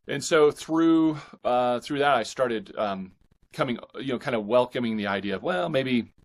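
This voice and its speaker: An American man in his forties chats casually as a guest in an interview, his voice fairly low in pitch. He thinks aloud in a halting but enthusiastic way.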